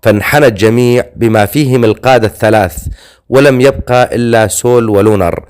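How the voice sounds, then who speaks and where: A man narrating a dark fantasy novel as an audiobook, in a steady storytelling way with occasional slips. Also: mid-range voice, fairly quick, clean tone.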